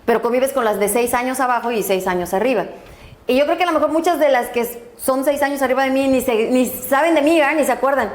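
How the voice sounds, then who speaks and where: A middle-aged woman with a Mexican accent tells her life story, animated and laughing as she acts out other people's voices. Her voice sits high. The room around her is roomy and echoing. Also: fast. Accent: Mexican Spanish. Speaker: guest, doctor and school director. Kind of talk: storytelling interview. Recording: echoey room.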